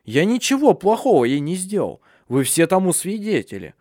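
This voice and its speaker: A man's voice: high-pitched, very animated, moderate pace, darkish tone, no room sound, studio quality, voice pushed up. A man voicing a handsome, cowardly young soldier who insists he is blameless in an audiobook. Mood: defensive. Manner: defensive, self-excusing.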